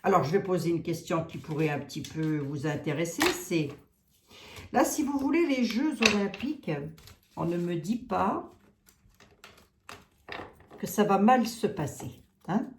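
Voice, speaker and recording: A woman with a Lorraine French accent reading tarot cards aloud, thinking out loud, questioning the cards and hesitating often. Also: on the low side, big pitch swings, a little slow, long pauses, noisy background. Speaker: tarot card reader. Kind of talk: casual tarot reading monologue. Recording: roomy echo.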